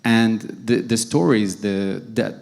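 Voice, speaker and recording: A man's voice: on the low side, takes it slowly, vocal fry, a little mellow. A young man from Sudan, a cartoonist speaking as a guest on a forum panel, hesitant with many restarts. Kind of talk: panel discussion answer.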